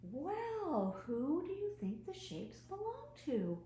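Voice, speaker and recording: A children's librarian hosts an online storytime from indoors at home, reading aloud and demonstrating a craft. Her voice is fairly high, she moves at an unhurried pace, and she is animated, constantly asking her young viewers questions. The room adds a noticeable echo, with faint background noise.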